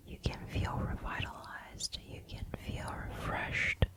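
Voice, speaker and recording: A woman giving a gentle, reassuring pep talk in an ASMR whisper, close to the microphone. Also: slow. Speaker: ASMR host.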